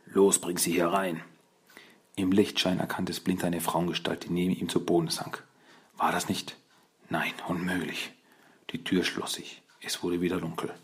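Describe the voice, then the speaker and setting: A man reading a children's audiobook as narrator, in measured storytelling. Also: deep voice, flat delivery, breathy edge.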